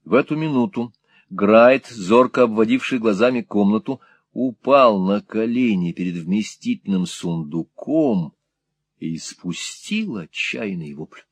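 A man's voice: on the low side, unhurried, breathy edge, no echo. Man reading a dramatic audiobook. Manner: expressive, dramatic storytelling. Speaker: narrator. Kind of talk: audiobook reading of a classic novel.

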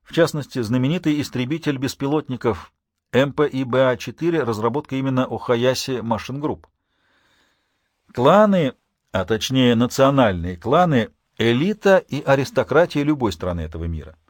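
A man's voice: mid-range voice, animated, moderate pace, dry recording. A man narrating a first-person audiobook, dropping dry, ironic asides along the way.

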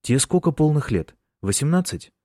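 A man voicing a prickly, hot-tempered young man who talks gruff and blunt. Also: lowish voice, a little slow, a little mellow, dry recording, clean studio sound, lightly acted. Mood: angry. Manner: gruff, blunt street talk.

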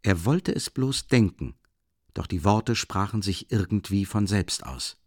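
Expressive male audiobook narrator. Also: on the low side, breathy edge, no echo, clean studio sound. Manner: expressive, measured literary reading. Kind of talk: scripted narration.

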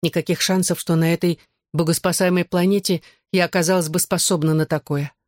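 A woman reading a novel aloud in calm, even narration. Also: on the low side, brisk, dry recording, studio quality. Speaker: audiobook reader. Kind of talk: scripted narration.

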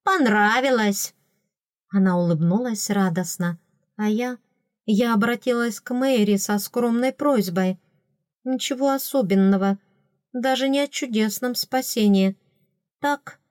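A woman's voice: unhurried, no room sound, clean studio sound. Woman narrating a fantasy audiobook. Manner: expressive, voicing characters with raised pitch. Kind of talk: first-person audiobook narration.

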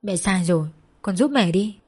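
A woman's voice: medium pitch, animated, normal speed, a little mellow, husky. A woman voicing a desperate mother who tearfully begs her daughter for help, in a spoken story. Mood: pleading. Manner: tearful, begging. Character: desperate pleading mother in debt.

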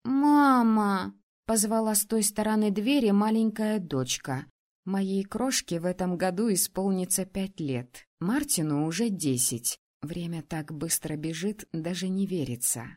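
A woman narrating a first-person romance story in an expressive, steady reading voice. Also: lowish voice, unhurried. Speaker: audiobook narrator.

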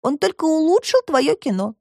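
A woman's voice: high-pitched, very animated, normal speed, creaky, mellow, no echo, clean studio sound, pitched above the performer's own voice, exaggerated voice. Alisa, a bold little girl, as a woman reader puts her on. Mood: eager. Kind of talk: audiobook reading.

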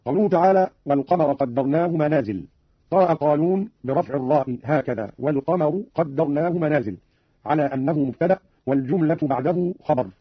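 A man's voice: a little high, fast talker, slightly rough, no room sound. A man presenting a formal, scripted explanation of Quran readings, quoting verses in a short chant. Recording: dull old radio recording.

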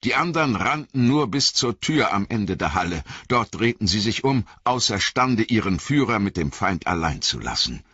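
A man reads a fantasy novel aloud in a measured, dramatic way. His low voice is bright but husky, and it moves a lot in pitch. The recording is dull and dry. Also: very animated, no echo. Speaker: audiobook narrator. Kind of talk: scripted fantasy narration.

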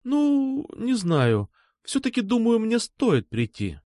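A man voicing an eager, insistent young woman who keeps pressing to come over, with hurried pleading lines. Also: very high-pitched, wildly swooping pitch, a little mellow, no echo, studio quality, pitched above the performer's own voice, exaggerated voice. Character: young woman, eager, pushy, uneasy schoolgirl.

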